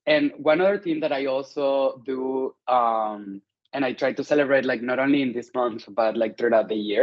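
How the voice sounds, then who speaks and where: A man's voice: medium pitch, a little mellow, husky. Chatty Venezuelan-born man, dull audio. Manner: friendly, chatty, many "like" fillers. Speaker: interview guest. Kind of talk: casual interview conversation.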